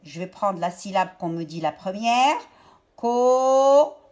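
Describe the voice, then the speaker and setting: A woman teacher talking young pupils through a worksheet step by step, stretching out each word slowly. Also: fairly low pitch, animated. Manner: slow, step-by-step, drawn-out words for young pupils. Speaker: primary school teacher. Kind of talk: remote lesson explaining a worksheet.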